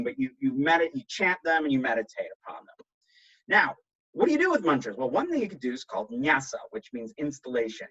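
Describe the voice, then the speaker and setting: A man's voice: medium pitch, a bit bright, breathy edge, muffled recording. A man giving a recorded lecture in a conversational way, with asides and restarts.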